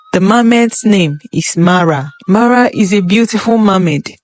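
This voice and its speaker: A woman narrates a folktale at a steady, unhurried pace, her voice at a middling pitch. Soft music plays faintly beneath her telling. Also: poor audio. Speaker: storyteller. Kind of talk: storytelling narration.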